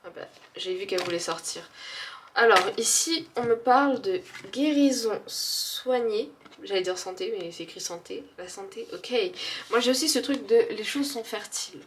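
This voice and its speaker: A woman's voice: fairly high pitch, expressive, normal speed, a little hiss or hum. A woman doing a casual tarot reading, chatty and hesitant, with many fillers and frequent laughs. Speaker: tarot card reader.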